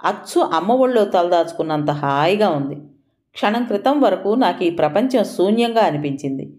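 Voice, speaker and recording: A woman's voice: lowish voice, lively intonation, moderate pace, darkish tone, natural voice. A woman reading a harsh young husband. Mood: tender. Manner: gruff, abrupt commands. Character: young husband, grieving, then stormy and harsh.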